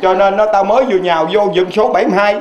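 A ghost father with a Southern Vietnamese accent scolds his son slowly and with hurt in every line, as a man puts him on. His voice sits higher than an ordinary man's. He drags his words out with aggrieved weight. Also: steady tone, close to an everyday voice.

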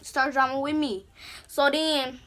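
A woman vlogger in her bedroom telling a story time in an animated, slangy, rambling way, with lots of asides. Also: sits high, measured pace. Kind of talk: casual story time monologue. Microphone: camera's built-in mic.

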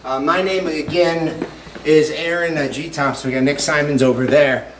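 Chatty guy with a bit of a high voice, big echo bouncing around an empty school, faint hiss behind. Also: fairly even intonation, normal speed. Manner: chatty and rambling, talking to unseen spirits. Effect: heavy echo bouncing around an empty building. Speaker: ghost-hunting host. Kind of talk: casual paranormal investigation vlog. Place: inside an empty school building.

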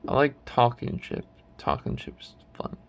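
A man hosting his channel, chatting casually while ranking a tier list, rambling and hesitant with many restarts. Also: a little slow. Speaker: channel host.

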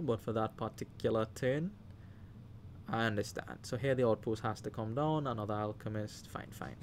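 A mid-range male voice with a Trinidadian accent, heard with a little hiss or hum, delivers live commentary on a card game. He speaks to the players animatedly and cheers out loud at big plays.

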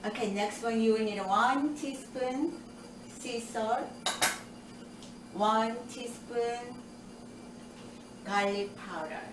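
Filmed by a camera set back from her, this older cooking show host speaks at a fairly high pitch, her voice ringing roomy and distant against constant household sounds. She walks through a home recipe slowly and cheerfully, step by step, with asides about nutrition.

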